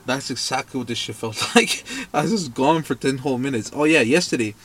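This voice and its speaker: A man's voice: mid-range voice, fairly quick, a bit bright. A man from Mexico chatting casually, joking and sarcastic, swearing often. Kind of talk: casual profane chat.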